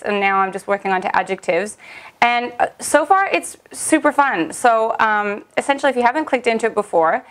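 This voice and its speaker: A woman's voice: mid-range voice, fairly bright tone. Young woman, upbeat and chatty, casual vlog review delivery. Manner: upbeat and chatty, with frequent fillers. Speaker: language-learning vlogger. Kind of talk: casual app review chat.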